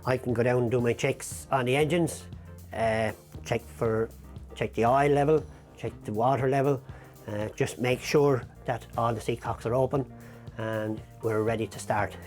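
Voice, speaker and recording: An Irish man, a mechanic, explaining his routine informally in a halting, plain-spoken way. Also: mid-range voice, steady tone, darkish tone, faint music behind. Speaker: lifeboat mechanic.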